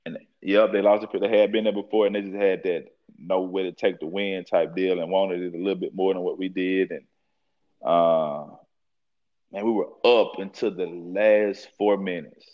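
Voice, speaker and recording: A man's voice: sits low, moderate pace. A young man, a head football coach, talking casually in an interview, leaning on fillers and repeated phrases. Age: young adult. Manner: relaxed, repeats fillers like "at the end of the day". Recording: dull lo-fi sound.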